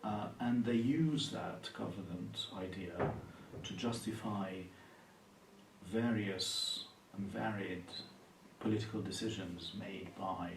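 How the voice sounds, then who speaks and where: Heard from afar in an echoing room over a faint hiss, a man from Palestine answers interview questions. He is a university lecturer and Anglican priest with a low, gravelly voice. His delivery is measured and reflective, with frequent filler pauses.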